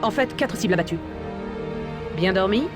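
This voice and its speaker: A woman's voice: mid-range voice, expressive, normal speed, over loud music, natural voice. An actress playing a wry, self-assured female artificial intelligence aboard a warship in a video game. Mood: wry, confident. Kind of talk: dramatic video game dialogue.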